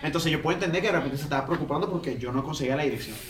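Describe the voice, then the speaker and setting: Venezuelan co-host telling a story in a rambling, slangy way; slightly high voice, heard from a distance in a roomy space. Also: male voice, rapid-fire. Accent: Venezuelan Spanish. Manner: rambling, restarts mid-phrase, slangy. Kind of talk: casual storytelling chat. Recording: roomy distant mic, faint ambience.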